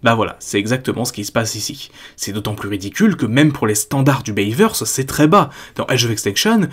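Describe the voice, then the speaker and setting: A man's voice: mid-range voice, lively intonation, fairly quick, husky. A man delivering a scripted, critical and sarcastic video-essay commentary as a film critic.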